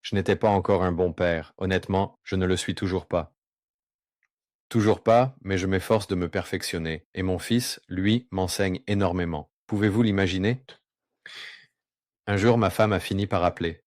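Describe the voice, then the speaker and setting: A man tells his own story in a remorseful, earnest confession, his voice shifted down to an unnaturally deep register to keep him anonymous. The sound is dry and close, with no room around it. He slows down at key moments. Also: fairly even intonation, a little mellow, no echo. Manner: earnest, remorseful, with pauses and slow stretches. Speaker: person giving a personal testimony. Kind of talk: confessional first-person testimony.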